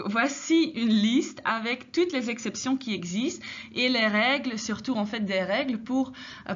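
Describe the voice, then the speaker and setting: A woman teaching a grammar lesson, patient and explanatory, often adding a tag "hein". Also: medium pitch. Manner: patient, many filler "hein"s, switches into Dutch for translations. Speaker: French teacher. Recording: slightly dull lo-fi recording.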